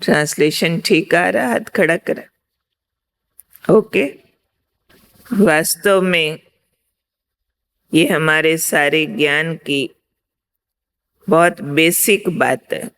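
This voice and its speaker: A woman spiritual teacher giving a class, explaining deliberately and telling a parable, checking in with her listeners. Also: low-pitched, creaky, a bit bright. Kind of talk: spiritual discourse with storytelling.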